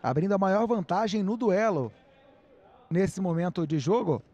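A man's voice: sits high, expressive, unhurried, mellow, highs cut off. A Brazilian man working as a sports commentator, calling live play-by-play in short, clipped phrases.

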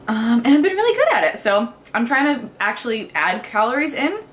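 A woman's voice: a little high, big pitch swings, fairly quick, husky. A young woman chatting casually in a home vlog, rambling and giggly as she talks to her viewers. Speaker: vlogger.

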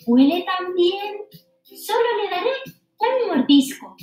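A woman's voice: extremely high pitch, lively intonation, takes it slowly, darkish tone, reverberant, faint music behind, pitched above the performer's own voice, heavily acted. A woman voicing a small, eager little mouse in a storybook reading. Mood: tempted.

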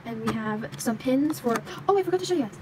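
A woman's voice: fairly high pitch, animated, fast. A young woman chatting casually as she shows off the pieces of a toy vet clinic playset, with lots of fillers like "like" and "um". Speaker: toy unboxing vlogger. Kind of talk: casual unboxing show-and-tell. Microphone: handheld phone camera, speaker off screen. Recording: audible background noise.

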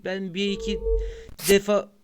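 A man's voice: high voice, monotone, measured pace, heavy background noise. A man giving let's-play commentary on a close-up microphone, muttering along as he plays and bursting out cursing when the game frustrates him. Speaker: gaming channel host. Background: loud game music.

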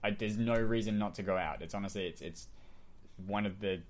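A man's voice: on the low side, fairly quick. A man in his twenties, a podcast co-host from New Zealand, chatting casually and rambling, with many restarts and fillers. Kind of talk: casual chat.

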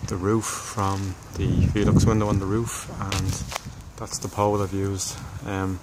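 A deep-voiced hobbyist presenter talks through a home DIY job in an even, low-key tone. He pauses and thinks aloud in a casual demonstration style, with ambient noise on the recording.

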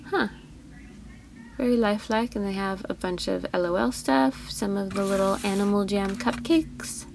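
A woman's voice: mid-range voice, moderate pace, gravelly, noisy background. A woman vlogging a toy hunt in a store, chatting casually and gushing over each toy she spots. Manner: chatty, easily delighted, gushing over toys.

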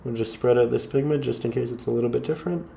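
A man calmly guiding viewers through a step-by-step painting tutorial, slightly hoarse, in an unhurried, encouraging way. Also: medium pitch, a little hiss or hum. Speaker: painting instructor.

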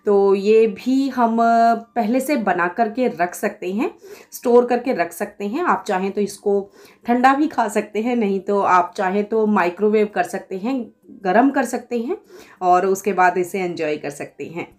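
A woman's voice: mid-range voice, measured pace, a little mellow. Indian woman chatting through a home recipe. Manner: chatty step-by-step explaining with fillers. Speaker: cooking vlogger. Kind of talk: casual recipe voice-over.

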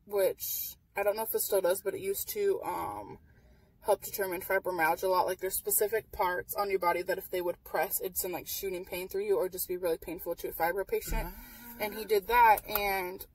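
Young woman vlogger, husky, candid and matter-of-fact, tired, slightly distant car mic. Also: mid-range voice, steady tone, brisk. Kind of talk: casual chat. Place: parked car at night. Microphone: camera on dashboard.

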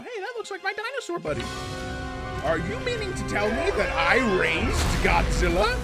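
A performer voicing an excitable cartoon man who rambles and yelps in alarm while reacting to his own cartoon episodes. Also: medium pitch. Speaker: reacting host character. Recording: loud music playing underneath.

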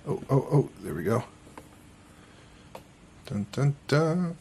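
A man giving a casual hardware review, chatty and quick to laugh at himself, heard through low quality audio from farther off the mic. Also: very animated, vocal fry, a little mellow, a little hiss or hum. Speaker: tech reviewer.

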